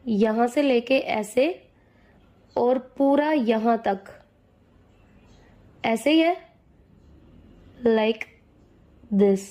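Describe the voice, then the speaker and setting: Hoarse high-voiced woman teaching makeup. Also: extremely slow, pauses often, mellow, reverberant. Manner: patient explaining, frequent check-ins. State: hoarse, straining her voice. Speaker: makeup tutor. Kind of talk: step-by-step makeup tutorial.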